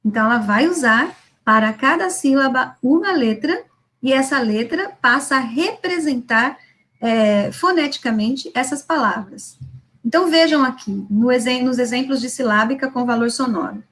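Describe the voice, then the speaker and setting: Brazilian woman, high voice, literacy lecture, drawn-out syllables, didactic tags. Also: fairly bright tone. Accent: Brazilian Portuguese. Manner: slows and stretches words to model a child reading syllable by syllable; didactic, with frequent "né?" tags and restarts. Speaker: literacy educator. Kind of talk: lecture over example slides.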